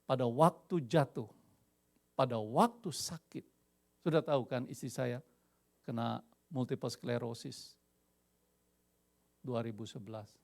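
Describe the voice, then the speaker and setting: An older man from Indonesia preaching a lively sermon as pastor, dropping English phrases into his talk. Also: mid-range voice, measured pace, vocal fry, pauses often.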